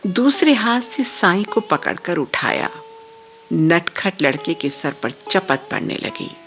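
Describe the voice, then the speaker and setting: A woman reading a story aloud for a radio drama reading, measured and expressive. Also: fairly low pitch, faint music behind. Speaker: story reader.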